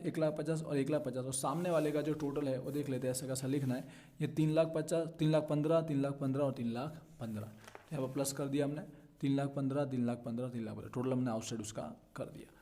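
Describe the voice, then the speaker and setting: A man's voice: on the high side, dark tone. A man, teaching an accounting solution step by step and checking in with his students. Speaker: commerce tutor.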